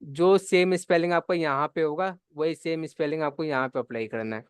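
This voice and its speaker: A man teaching spreadsheets live online explains things patiently and frequently checks on his students. His fairly high voice is brisk and clean, captured with clean studio sound and no room noise.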